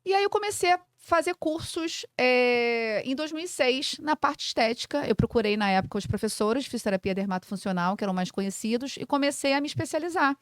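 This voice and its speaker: Brazilian woman explaining clearly, dry studio. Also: high voice, lively intonation, fairly quick, few pauses, no echo. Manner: didactic, explains with simple comparisons and frequent fillers. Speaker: aesthetics clinic owner and physiotherapist guest. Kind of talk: podcast interview, explanatory chat.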